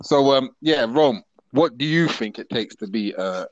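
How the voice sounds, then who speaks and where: A man's voice: mid-range voice, lively intonation, unhurried. A man in his thirties with a London roadman accent, chatting casually and matily in street slang as a podcast host. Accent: London roadman, urban slang. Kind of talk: casual chat. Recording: dull, band-limited voice call audio.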